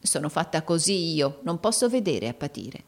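A woman voicing a sly old woman in a storybook reading, with a shrill, caressing, oily manner. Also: big pitch swings, normal speed, full character voice. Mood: wheedling. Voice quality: shrill yet caressing, unctuous.

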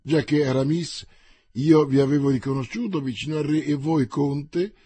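A man's voice: fairly high pitch, normal speed, mellow, slightly rough, dry recording. A man narrating a classic adventure novel aloud, giving each character's lines with dramatic emphasis. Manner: dramatic reading, raising the voice for dialogue. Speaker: audiobook narrator.

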